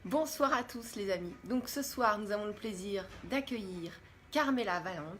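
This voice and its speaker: A woman with a medium-pitched, animated voice hosts a casual live-stream talk at a normal pace. She's chatty, warmly greets her viewers, and uses plenty of fillers, with faint background noise in the recording.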